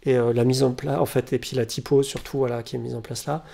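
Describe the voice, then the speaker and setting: Gravelly man chatting about his records. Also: medium pitch, level tone, fast talker, dark tone. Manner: hesitant, many fillers and restarts. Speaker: vinyl collector presenting records. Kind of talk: casual record haul vlog. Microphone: webcam.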